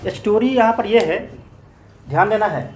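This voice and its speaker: Male teacher, high voice, classroom lecture, keeps checking the class follows, recorded from a distance. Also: animated, darkish tone. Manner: keeps checking understanding with quick questions; repeats key terms for emphasis. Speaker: history teacher. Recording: echoey room, mic at a distance, faint noise.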